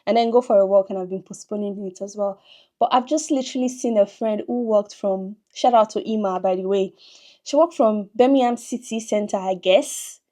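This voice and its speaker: A young woman, chatting casually to camera as a lifestyle vlogger, full of quick self-amused asides. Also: medium pitch, dark tone. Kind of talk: casual vlog chat to camera.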